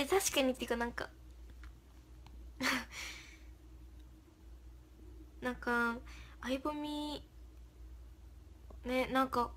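This young idol livestream host has a high, fairly bright voice. Keeping things casual, she reads out viewer comments, offers thanks, and giggles frequently.

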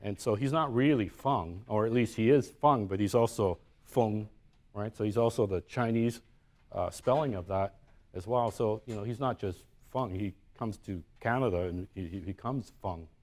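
A man's voice: on the low side, moderate pace, darkish tone. A man giving a live lecture about his own artworks in a university room, talking conversationally, thinking aloud and often checking in with "right?". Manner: thinks aloud with frequent restarts.

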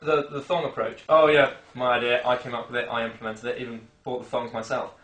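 A man's voice: mid-range voice, little pitch movement, quick pace, fairly bright tone, distant mic, lightly acted. Boastful, breezy male consultant played by a young actor for spoof interview, recorded off mic in echoey room. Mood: breezy, smug. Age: young adult. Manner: breezy, self-satisfied.

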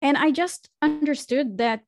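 Woman, 30s, podcast guest, reflective storytelling, slightly high voice. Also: unhurried, creaky. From Israel. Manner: reflective storyteller, frequent fillers and restarts. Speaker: podcast guest, marketing consultant. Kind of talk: casual interview conversation. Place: small home room. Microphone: studio microphone on a video call.

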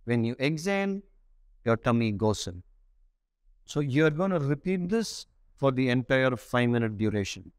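A man's voice: medium pitch, a little mellow, no echo, clean studio sound. A man in his forties giving an instructional breathing lesson in short, separated phrases. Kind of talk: spoken instructional lesson to camera. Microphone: clip-on lapel mic.

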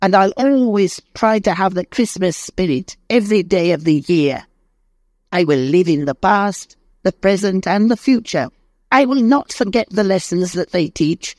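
A man doing Scrooge as an old man pitched well above his own voice, crying out in earnest pleas and bursts of feeling. It is a storybook reading with a dry, close sound. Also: normal speed, a little mellow, dry recording, close to an everyday voice. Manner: emotional, pleading, exclamatory. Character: old man Scrooge, repentant, desperate then overjoyed.

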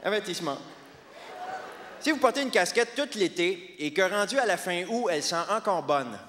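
A man doing stand-up comedy with a Québécois French accent, delivering punchy deadpan one-liners. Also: high-pitched, moderate pace, noisy background. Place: large theatre stage. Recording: long hall reverb, loud audience.

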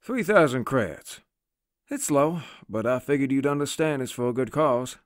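A rugged, easygoing bounty hunter in an audio drama, voiced by a man. He talks casually, and his pitch moves around a lot. The recording is close and dry. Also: expressive, normal speed, no room sound, natural voice. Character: rugged scarred male bounty hunter, laid-back. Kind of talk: full-cast audio drama.

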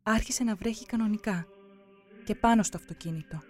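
A narrator giving a solemn, measured scripted reading for a religious documentary. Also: medium pitch, a little mellow.

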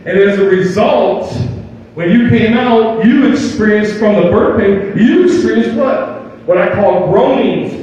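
Older male pastor, folksy sermon, raised pitch, distant mic with faint room noise. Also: unhurried, darkish tone. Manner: folksy preaching with rhetorical questions. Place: church sanctuary. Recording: distant mic in a reverberant hall with faint ambience.

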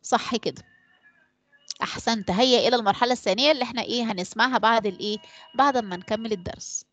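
Rapid-fire Egyptian woman teacher. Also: a little high, fairly bright tone. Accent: Egyptian Arabic. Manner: quizzing pupils by name, leaving blanks for them to fill. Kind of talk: online class quiz and explanation.

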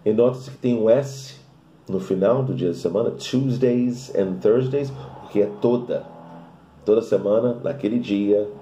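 A Brazilian man teaching an English lesson in Portuguese, saying model sentences slowly and carefully between quicker asides. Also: lowish voice, warm tone, reverberant, slight background noise.

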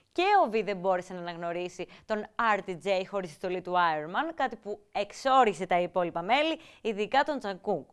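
Bright-voiced upbeat woman TV host. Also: on the high side, clear, resonant tone. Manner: upbeat, energetic, mixes English words into speech. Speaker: TV show host. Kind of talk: scripted TV presenting.

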